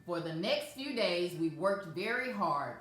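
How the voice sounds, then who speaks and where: A woman reading a picture book aloud to children as a storyteller, in a gentle, measured way. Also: on the low side, expressive. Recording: very echoey room, faint music.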